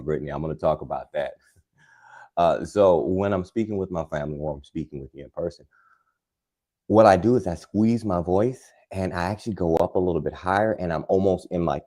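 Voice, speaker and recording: A man with an extremely low voice talks gardening in a live demo. His tone is dark and mellow, and his delivery is calm, unhurried and soothing. He rambles casually with plenty of fillers. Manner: chatty and rambling, with many fillers. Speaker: gardening channel host.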